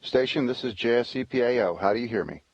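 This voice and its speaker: A man's voice: mid-range voice, fast talker, a little mellow. An American man moderating a press conference with brief, procedural introductions of questioners. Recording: narrow phone-like link, dry.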